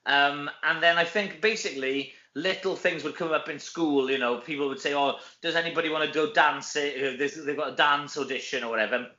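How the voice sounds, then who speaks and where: Speaking a little fast with hardly any pauses, this Welsh man has a slightly high, steady, bright, forceful voice. An actor and comedy performer appearing as an interview guest, he chats in a self-deprecating, anecdotal way, often adding "you know." The sound is dull and lo-fi with roomy echo.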